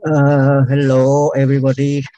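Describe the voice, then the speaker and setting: An older man from Cambodia with a Cambodian accent, telling his life story on a webinar, halting with frequent pauses and fillers. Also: medium pitch, monotone, mellow, rough recording. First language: Khmer. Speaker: panel speaker. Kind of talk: personal testimony on a webinar.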